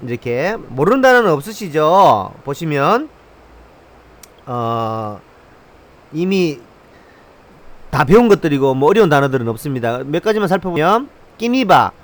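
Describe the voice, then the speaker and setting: A man teaching a language lesson, drilling short phrases slowly and repeating them. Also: a little high, big pitch swings. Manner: slow drilled repetition of phrases.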